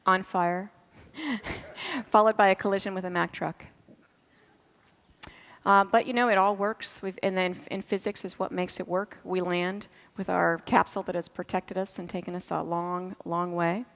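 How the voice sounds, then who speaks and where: A woman's voice: medium pitch, fairly even intonation, normal speed, fairly bright tone. A woman from Massachusetts in her fifties giving a chatty conference talk as an astronaut, full of fillers and restarts. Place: conference stage. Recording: long hall reverb in a conference room.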